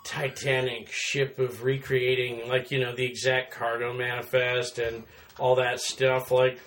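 A man's voice: mid-range voice, completely flat delivery, measured pace, a bit bright, slight background noise. A man chatting as co-host over gameplay, goofy and riffing with his partner. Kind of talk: casual gameplay commentary.

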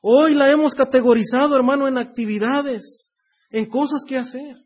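A man's voice: extremely high pitch, fairly even intonation, moderate pace, darkish tone, slightly rough. A man preaching a sermon in a conversational way, often adding "right?" and addressing the listener as brother. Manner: conversational preaching, often tagging "¿verdad?" and "hermano".

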